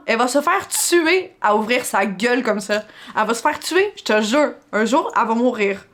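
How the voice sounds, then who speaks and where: A young adult woman with a Québécois French accent, talking casually and with strong opinions as a book vlogger, slipping English phrases into her French. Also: mid-range voice. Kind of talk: casual reading-reaction vlog.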